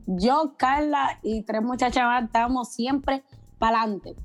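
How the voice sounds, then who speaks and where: A woman's voice: a little high, takes it slowly, soft background music. Chatty young woman. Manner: chatty, reminiscing. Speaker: student podcast guest. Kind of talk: casual chat.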